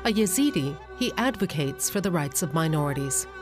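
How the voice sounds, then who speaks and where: A documentary narrator reading a calm, even, scripted narration. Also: medium pitch, brisk. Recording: narration over music and crowd noise.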